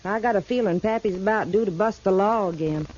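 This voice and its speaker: In a 1950s radio western, a woman voices a stubborn and sassy young mountain girl, using an American Southern mountain accent with a blunt, determined, backwoods attitude. She speaks fairly quickly in a natural, medium-pitched voice, captured on a muffled vintage radio recording.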